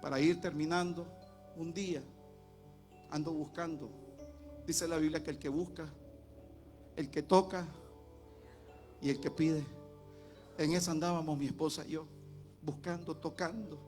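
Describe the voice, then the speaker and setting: A man with a Nicaraguan accent tells a faith testimony from a conference stage. His voice sits high, and he acts out each exchange with lively energy. Soft music plays faintly behind him. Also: a little slow, long pauses. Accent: Nicaraguan Spanish. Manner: lively storyteller acting out dialogue. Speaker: conference speaker. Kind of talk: testimony storytelling.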